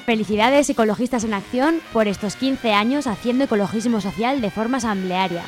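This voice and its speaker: A woman with a Spain Spanish accent reads scripted narration as co-host of a radio show, her voice on the high side and fairly quick. A music bed plays behind her.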